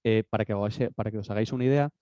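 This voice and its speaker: A man with a cold gives an informal business seminar talk from his office desk, his voice lowish and mellow and his pace rapid-fire. He hesitates a lot, full of fillers and restarts, and the recording is dry.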